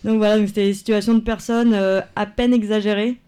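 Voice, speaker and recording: A man presenting a radio show, speaking in a hesitant, casual way with many pauses and restarts. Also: high-pitched, level tone, warm tone, clear, resonant tone.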